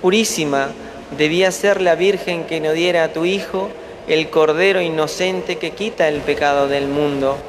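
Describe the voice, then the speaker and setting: Priest, male. High-pitched, formal delivery of prayers, ringing in a big echoing cathedral. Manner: solemn, formal. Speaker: priest celebrating Mass. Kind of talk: liturgical prayer, read solemnly. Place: large stone basilica during Mass. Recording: echoing cathedral, noisy, from far off.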